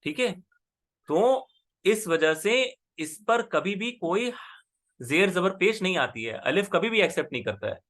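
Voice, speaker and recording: A man's voice: sits high, animated, a little slow, fairly bright tone. A man teaching Arabic letters in an online class, explaining patiently and often checking that his student follows.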